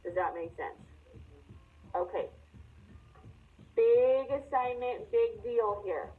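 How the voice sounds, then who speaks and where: Woman, teacher, online class, emphatic, repeats herself, higher voice, tinny call audio. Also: slow pace. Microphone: video call audio.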